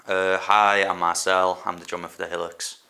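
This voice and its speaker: A young Hungarian man, a band drummer whose first language is Hungarian, speaks in a casual documentary interview, hesitating and searching for words with lots of likes and ums. His deep voice is flat at a moderate pace, with a bright, forceful tone.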